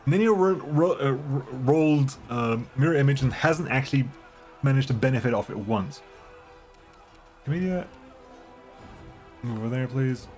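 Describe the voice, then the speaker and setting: A man's voice: medium pitch, lively intonation, normal speed, long pauses, a little mellow. Man doing casual game commentary over music. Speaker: video game streamer.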